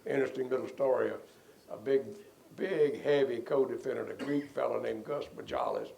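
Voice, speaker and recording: A man's voice: mid-range voice, very animated, normal speed, mellow, slight background noise. An older man, a defense lawyer, telling rambling anecdotes in an interview and chuckling at his own stories. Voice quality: gravelly.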